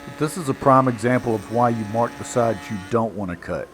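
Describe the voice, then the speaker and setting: Here a man talks through his own build project as the narrator of his woodworking videos, keeping it relaxed, down-to-earth, folksy and self-mocking. His mid-range voice is fairly quick and a bit bright, over slight background noise.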